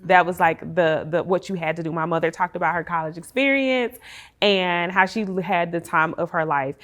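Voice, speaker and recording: A woman guest in a casual conversation, talking with enthusiasm and excited bursts. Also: fairly low pitch, moderate pace.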